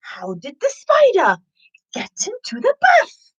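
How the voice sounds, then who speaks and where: The voice is very high-pitched and slow, and the recording has its highs cut off. A woman is hosting a live story time for kids, talking to listeners and reading a picture book expressively, complete with sniffing and asides.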